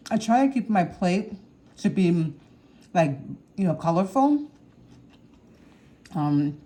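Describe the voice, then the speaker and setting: A woman's voice: low-pitched, mellow. A woman vlogger chatting casually to her viewers while eating a meal at home, rambling with hums and small laughs. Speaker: cooking vlogger. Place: home kitchen or dining room with window open.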